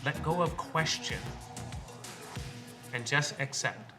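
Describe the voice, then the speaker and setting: A tabletop player voicing a serene psionic mystic, soothing and hushed. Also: mid-range voice, slow, natural voice. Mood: serene, guiding. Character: serene psionic mystic urging others to let go. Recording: loud music behind.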